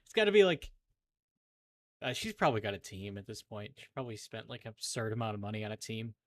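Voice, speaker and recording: A young man co-hosting a podcast, animated and sarcastic in casual chat, full of "like" fillers. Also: fairly low pitch, quick pace, no echo. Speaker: podcast co-host.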